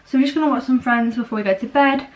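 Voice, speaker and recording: A woman's voice: on the high side, fast talker, low-quality recording. Chatty young woman vlogging at home. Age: 20s. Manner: chatty, rambling, many fillers. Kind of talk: casual vlog chat. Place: at home, indoors. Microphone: camera on a small tripod.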